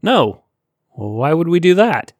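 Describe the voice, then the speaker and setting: A man voicing a wry, commanding male ship captain who talks briskly and sardonically. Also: a little high, very animated, no echo, pitched above the performer's own voice, heavily acted. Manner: brisk, sardonic, giving orders.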